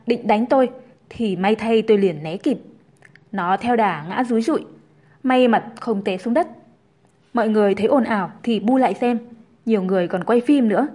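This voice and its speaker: A high-voiced woman telling a first-person family drama story, plain and conversational. She narrates steadily between the voiced lines, her pitch sitting well above most women's. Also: warm tone.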